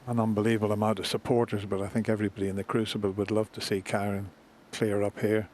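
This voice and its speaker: A man giving measured, unhurried live snooker commentary as the commentator. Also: lowish voice, flat delivery, a little mellow. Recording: light noise and crowd in arena. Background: snooker hall crowd and ambience.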